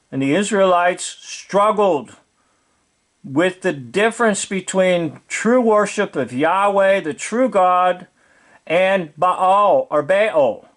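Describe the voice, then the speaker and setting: A video commentator with a noticeably high male voice gives slow, informal commentary. He explains in a preachy, emphatic manner, circling back to repeat key words.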